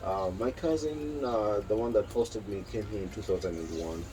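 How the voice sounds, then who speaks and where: A Kenyan man in his thirties, a guest telling his story in a casual interview, pausing often with filler sounds. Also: lowish voice, mellow, faint music behind, poor audio. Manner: hesitant, full of pauses and filler sounds.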